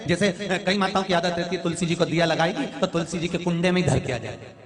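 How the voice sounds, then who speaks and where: A man's voice: high-pitched, fast. A middle-aged man preaching a devotional sermon, exhorting his listeners and repeating phrases for emphasis. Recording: devotional music playing behind.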